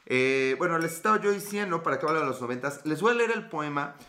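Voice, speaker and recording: Mexican man in his thirties, live-stream host, bright and slightly high voice, cracks profane jokes. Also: expressive, brisk. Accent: Mexican Spanish. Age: 30s. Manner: joking, profane, reads out chat comments. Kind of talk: casual live-stream chat.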